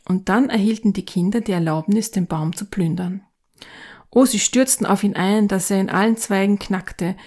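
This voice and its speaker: Calm woman reading a fairy tale. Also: mid-range voice, normal speed, breathy edge. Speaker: narrator.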